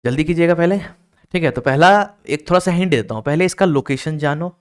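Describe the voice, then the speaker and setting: Clear-voiced man teaching a reasoning class. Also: a little high, fast, a little mellow. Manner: explains step by step, keeps checking with "ठीक है?" and urging students to hurry. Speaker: online exam-prep teacher. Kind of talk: recorded class lecture.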